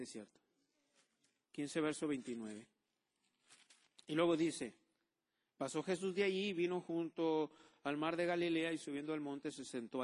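A male pastor, preaching a sermon with lively call-and-response to the congregation. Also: fairly high pitch.

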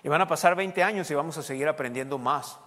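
A man preaching as pastor, animated and emphatic, dropping from loud points to quiet asides and slipping English words into his speech. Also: fairly high pitch, fast talker, big-room sound. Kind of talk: sermon.

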